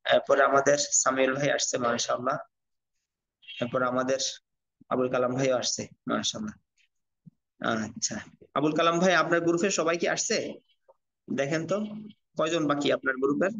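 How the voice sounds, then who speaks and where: A man teaching a Quran reading class, slowly drilling letter sounds for his students. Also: mid-range voice, gravelly, a bit bright. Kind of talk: online class lesson. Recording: dull lo-fi audio.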